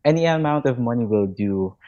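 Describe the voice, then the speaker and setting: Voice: mid-range voice, animated, fairly quick, dark tone, dull audio. A podcast guest speaks politely while promoting a fan project in a casual chat. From Philippines. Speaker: guest, fan club representative.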